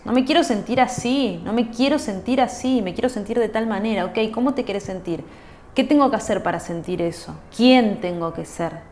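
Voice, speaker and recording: A woman's voice: medium pitch, darkish tone. A woman with a Rioplatense accent hosting a self-help podcast, reflective, repeating phrases and asking herself rhetorical questions. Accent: Rioplatense Spanish. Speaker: podcast host.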